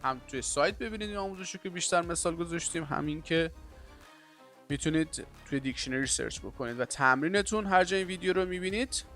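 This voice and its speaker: A man with a Persian accent teaching an online English lesson in a lively, upbeat way and drawing out his English example sentences. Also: fairly high pitch, soft background music.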